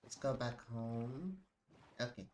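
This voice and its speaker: A man live-streams a video game from home, his mid-range voice slow but lively in intonation. He rambles and chats into a desk microphone, stacking up "like"s and self-corrections, and sounds sniffly from allergies, with slight background noise.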